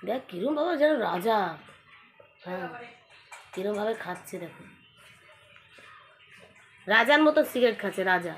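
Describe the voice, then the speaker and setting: Brief: woman, fairly high voice, teasing and scolding family at home, faint room noise. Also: a bit bright. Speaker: family vlogger. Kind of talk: casual family chat.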